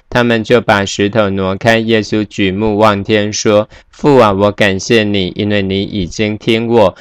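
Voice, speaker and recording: A man giving a steady, measured scripture reading. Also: fairly low pitch, clean tone, no room sound, studio quality.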